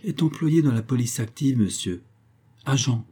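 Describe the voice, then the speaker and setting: A man reading aloud and voicing an eager, quick-talking little foundling boy in a storybook. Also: medium pitch, animated, mellow, husky. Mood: eager, polite.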